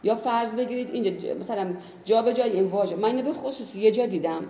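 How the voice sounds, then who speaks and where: A woman's voice: fairly high pitch, dark tone. A woman who teaches language, explaining earnestly in conversation and giving many spoken examples. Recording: roomy echo.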